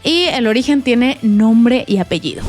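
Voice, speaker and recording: A woman's voice: a little high, animated, moderate pace, darkish tone, soft background music. A young woman with a Mexican accent hosting a casual film commentary vlog, slangy and playful with jokey asides, recorded in a provisional home spot. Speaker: film vlogger and host.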